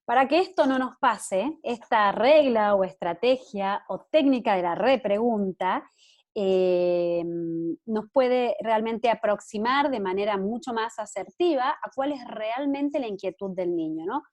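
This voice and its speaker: A woman's voice: fairly high pitch, measured pace, darkish tone. A woman giving an explanatory talk at a parenting workshop, earnest and often checking in with her listeners.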